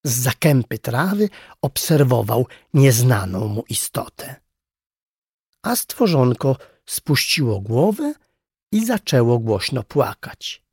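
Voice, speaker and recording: A man narrates a children's forest tale slowly and unhurriedly. His voice is husky and gravelly, and its pitch moves a lot. The sound is close and dry. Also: dry recording. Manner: slow, gently expressive reading. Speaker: storyteller.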